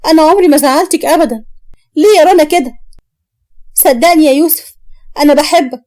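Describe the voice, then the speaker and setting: This is a sobbing young Egyptian wife, hurt and pleading, played by a woman reading a story. The voice sits high and the words tumble out quickly. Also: fairly even intonation, warm tone, close to an everyday voice. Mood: tearful. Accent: Egyptian Arabic. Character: tearful young wife accused by her sister-in-law.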